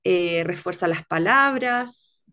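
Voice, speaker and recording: Her voice on the low side, pushed and bright, a woman speaks slowly and expressively as she teaches an online teacher training lecture. She explains step by step and checks in often with "¿cierto?".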